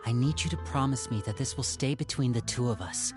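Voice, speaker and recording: A woman's voice: a bass voice, a little fast, over music. A woman voicing a suave, theatrical, scheming young man and older brother in an anime game. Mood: earnest, conspiratorial.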